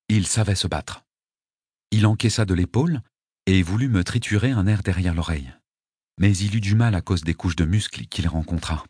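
A man narrating an audiobook in a vivid, lively reading. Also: fairly low pitch, breathy edge, dry recording, studio quality.

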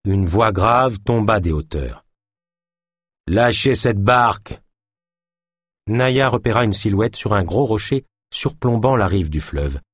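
Male audiobook narrator, low husky voice, lively intonation, dry close sound. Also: measured pace, few pauses, no room sound. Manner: expressive storytelling. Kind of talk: scripted narration.

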